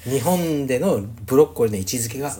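A man's voice: mid-range voice, expressive, quick pace, warm tone. A middle-aged man hosting a casual podcast chat, playful and teasing as he explains dialect words. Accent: Hakata dialect when he chooses. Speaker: podcast host.

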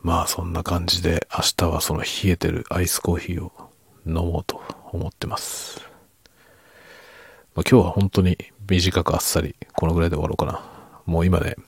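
A middle-aged man murmurs a casual late-night chat meant for sleep. His voice is extremely deep, with a gravelly fry, and often thins into a whisper as sentences trail off. It is unhurried and soft, recorded dry and close. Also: flat delivery, no room sound. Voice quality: husky, low murmur drifting into whisper. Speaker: podcast and ASMR creator.

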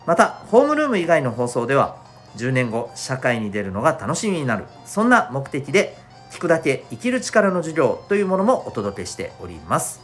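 A man's voice: medium pitch, huge pitch swings, a little fast, faint music behind. A man with a nasal, stuffed-up voice hosting a chatty solo show for schoolchildren and parents, speaking in polite, upbeat presenter phrasing. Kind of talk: chatty solo podcast talk.

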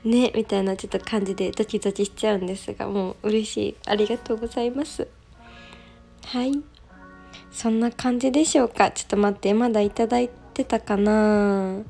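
A young woman hosting a casual solo radio talk, reading listener messages in a soft, gentle way with delighted thanks. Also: mid-range voice, steady tone, fairly quick, vocal fry, faint music behind. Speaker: radio show host.

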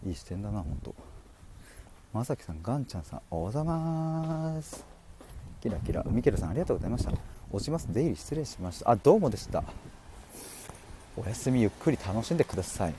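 Animated man chatting on a livestream. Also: a little hiss or hum. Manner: chatty and animated, laughing often, with quick pitch jumps. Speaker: livestream host reading listener comments. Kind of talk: casual solo livestream chat.

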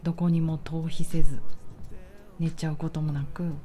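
Low, mellow woman guiding relaxation over music. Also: flat delivery. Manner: slow, pausing, soothing delivery. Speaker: relaxation exercise guide. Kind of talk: guided grounding meditation, gentle instruction.

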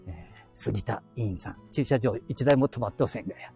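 A man with an Aichi dialect, streaming live while walking quiet residential streets, chatting to himself with chuckling asides on a hand-held phone. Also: on the low side, animated, fairly quick, soft background music. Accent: Aichi (Nagoya-area dialect). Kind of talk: casual rambling walk-and-talk.

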